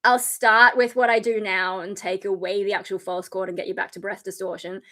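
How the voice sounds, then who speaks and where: This worn-out streamer and metal singer speaks at medium pitch in a flat, fairly quick, fairly bright voice that has frayed into fry. Casually and loosely, full of fillers, she explains how screaming works. Every so often she demonstrates with a harsh, unvoiced scream.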